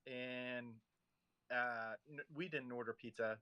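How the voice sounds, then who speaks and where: Bright-voiced man rambling casually, dry sound. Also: mid-range voice, fairly even intonation, slow pace, smooth, no room sound. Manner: rambling, filler-heavy, teasing. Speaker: host of a social audio room. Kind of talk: casual chat.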